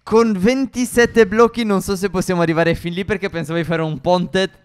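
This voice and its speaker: Young guy goofing around in a game, high bouncy voice, smooth and clear. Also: steady tone, moderate pace. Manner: joking, teasing, bursts into high yelps. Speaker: gaming YouTuber. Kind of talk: playful gameplay banter.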